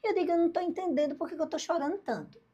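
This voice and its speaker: An older woman, a podcast guest telling her story in a lively way and acting out the dialogue. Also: very high-pitched, rapid-fire, highs cut off. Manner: lively storyteller, acts out dialogue, laughs at herself.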